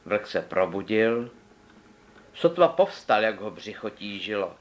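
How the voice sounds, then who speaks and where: Expressive male storybook narrator. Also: on the low side. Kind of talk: storybook fairy tale reading.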